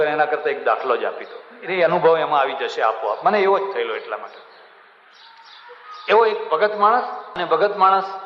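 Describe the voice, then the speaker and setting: A man giving a storytelling sermon in a folksy way, acting out the people in his anecdotes. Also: on the high side. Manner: folksy, acts out quoted characters, laughs at his own jokes. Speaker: religious preacher. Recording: echoey hall, dull sound.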